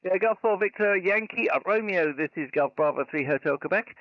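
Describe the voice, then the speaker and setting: Brisk and expressive, with a high-sitting voice, an amateur radio operator works live contacts from a special event station at a convention. He keeps to polite procedure, swapping call signs and signal reports, on a recording that sounds a little muffled and dull.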